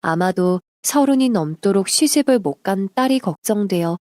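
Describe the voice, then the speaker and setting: A woman narrating a submitted life story in an even, confiding storytelling manner. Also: medium pitch, moderate pace, no echo, studio quality.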